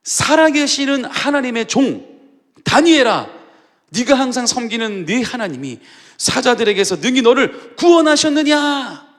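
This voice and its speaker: A man's voice: very high-pitched, big pitch swings, a little slow, a bit bright, voice pushed up, heavily acted. A man voicing an anguished ancient king who cries out pleading calls for his servant, in a reverberant church sanctuary.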